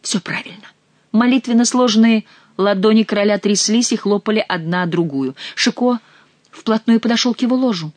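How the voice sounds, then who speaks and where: A woman narrating an audiobook in an expressive storytelling manner. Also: medium pitch, fairly quick, dry recording.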